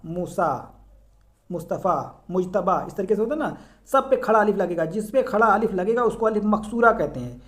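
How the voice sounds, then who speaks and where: A man teaching an exam-prep grammar lesson, explaining step by step, asking and answering his own questions and often checking that students follow. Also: sits high. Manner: repeats key terms and checks understanding.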